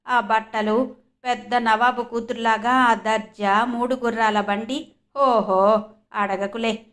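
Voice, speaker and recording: A woman voicing a sharp-tongued young woman who mocks others with scorn, her delivery sitting a good deal higher and louder than her narrating voice. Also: steady tone, slow pace. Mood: mocking. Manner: mocking, scornful.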